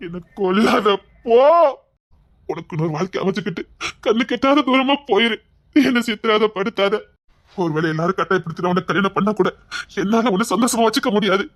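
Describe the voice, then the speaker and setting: A man with a Tirunelveli Tamil accent playing a gruff, stubborn young man who keeps pushing his lover away. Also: high-pitched, a little fast, a bit bright. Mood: anguished. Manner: curt, scolding, begging. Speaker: male lead in a comedy skit.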